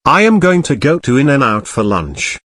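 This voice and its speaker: A broadcaster, voiced by a synthetic man, speaking in a stilted, formal way. His pitch moves around a lot in a lively way, and the sound is dry. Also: normal speed, no room sound.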